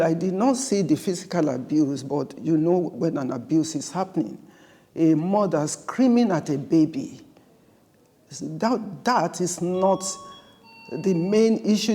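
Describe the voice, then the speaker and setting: A man who trained as a nurse and midwife, telling his story in a slow, measured way in an interview. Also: fairly high pitch, lively intonation, warm tone. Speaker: former nurse and midwife, church outreach founder. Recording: hall reverb.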